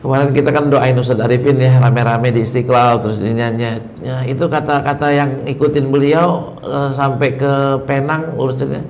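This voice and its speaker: A man's voice: mid-range voice, fairly even intonation, normal speed, darkish tone, a little hiss or hum. A man giving a casual religious study sermon, joking and quizzing his audience in a chatty way. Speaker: Islamic preacher.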